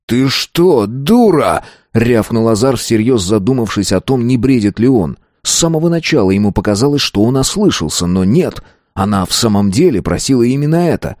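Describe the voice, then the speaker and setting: A man narrating an audiobook in a steady, measured reading voice. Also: mid-range voice, no room sound, studio quality. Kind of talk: scripted narration.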